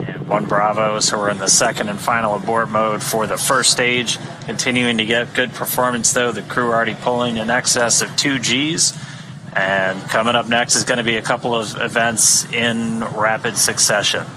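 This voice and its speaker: A man's voice: on the low side, level tone, moderate pace. A man doing live launch commentary, explaining technical callouts as a broadcast host. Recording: clear background noise.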